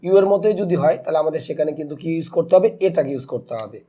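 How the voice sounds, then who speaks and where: A man teaching an English grammar lesson in Bengali-accented speech, asking questions and answering them himself, and slowly pronouncing example words. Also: fairly high pitch, expressive, dark tone, slightly rough, soft background music. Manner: slow deliberate spelling and pronouncing of words.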